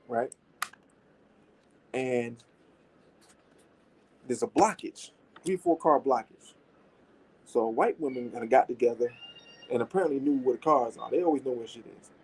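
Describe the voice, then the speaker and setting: At home with his young son, a vlogger tells a story to camera, casual and profane, laughing often and speaking straight to his viewers. His medium-pitched voice is husky, and the recording quality is low.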